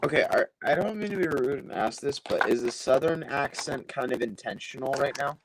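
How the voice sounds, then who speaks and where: A man's voice: mid-range voice, animated, a little fast, a crowd in the background, poor audio. A man in casual chat on a livestream, curious and asking polite questions.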